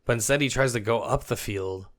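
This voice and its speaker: A young man narrating football clips as a comic voice-over host, joking and dropping into quick silly voices for the players. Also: mid-range voice, fairly bright tone. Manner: jokey, puts on players' voices in quick asides.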